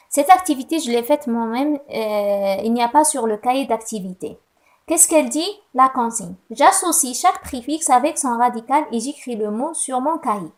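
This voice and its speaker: A woman teaching a recorded lesson to young pupils, patient and deliberate, fondly calling them her little ones. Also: high-pitched. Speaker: primary school French teacher.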